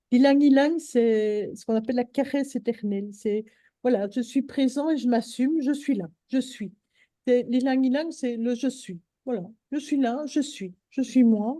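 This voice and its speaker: Woman, casual live-stream chat, halting with fillers, slightly high voice, dry close sound. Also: dark tone, dry recording. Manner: hesitant, many fillers and restarts. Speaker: host of a live stream on essential oils.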